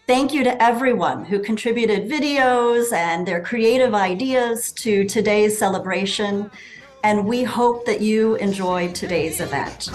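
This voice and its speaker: A woman's voice: mid-range voice, faint music behind, low-quality recording. A woman, the school's chief executive, reading formal welcome remarks to the school community. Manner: measured, formal address.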